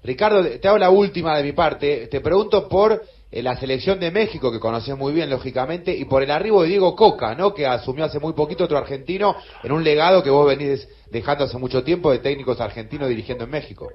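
A man asks quick, direct questions as a radio interviewer. He talks fast, a little higher than most men. The sound is dull and lo-fi.

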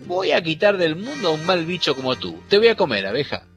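Man putting on a sneery lady snake, teasing and smug, bit higher than normal, soft music under it. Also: very animated, fairly quick. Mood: mocking. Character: sly mocking green female snake, predatory. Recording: faint music behind.

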